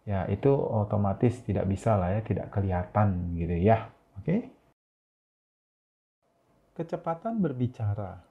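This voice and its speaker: A male teacher giving a recorded lesson, explaining patiently and tagging many sentences with a questioning "ya". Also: medium pitch. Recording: tinny phone-like recording.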